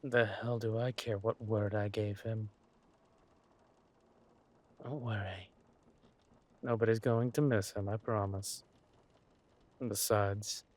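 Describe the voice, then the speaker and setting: Voicing a suave and ruthless villain lord for an audio drama, a man sounds menacing under a mock-polite surface. His delivery is drawn out and husky, with a lowish voice and a darkish tone.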